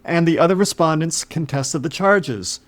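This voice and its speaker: Brisk male podcast co-host recapping a case. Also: on the high side, a bit bright. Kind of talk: casual chat, case recap.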